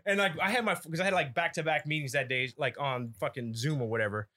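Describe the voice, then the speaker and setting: A middle-aged man with a bright, ringing voice that sits a little high, chatting casually on a podcast. He tells long, rambling stories and swears freely as he goes. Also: quick pace. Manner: rambling, profane storytelling. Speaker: podcast co-host. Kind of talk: casual chat.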